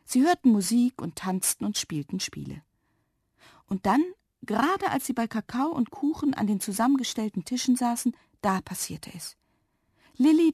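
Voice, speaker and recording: A woman reading a children's storybook aloud in a lively, expressive way, sometimes dropping to soft whispers. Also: mid-range voice, vocal fry, slightly rough, no echo, clean studio sound.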